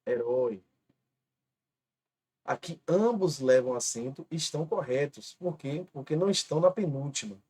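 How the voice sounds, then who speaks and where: A man's voice: fairly high pitch, lively intonation, fairly quick, few pauses, a little mellow, breathy edge. A man with a Brazilian Portuguese accent teaching an online grammar lesson, patiently spelling out rules step by step. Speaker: exam-prep teacher.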